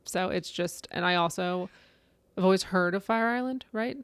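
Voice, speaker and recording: A woman's voice: lowish voice, normal speed, smooth. A woman in her late thirties co-hosting a podcast, chatting casually about books, with lots of "like" and "right?". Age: 30s. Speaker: podcast co-host. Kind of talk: casual book chat.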